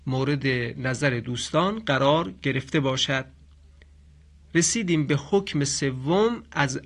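A man teaching Quran recitation rules in a language lesson. He explains patiently and chants the example phrases slowly. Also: on the high side, fairly bright tone. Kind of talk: radio-style tajweed lesson.

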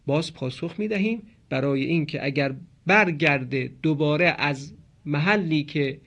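A man's voice: a little high, fairly bright tone. A man teaching Quran recitation rules, who asks questions and answers them himself and stretches out key terms. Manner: didactic, poses questions then answers them; stresses and drags out key terms. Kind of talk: explanatory lesson on pause marks.

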